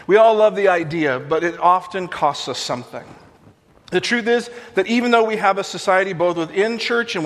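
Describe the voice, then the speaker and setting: A man's voice: high-pitched, a bit bright, in a large hall. A middle-aged man preaching a sermon as a pastor, telling stories in a conversational way with frequent restarts.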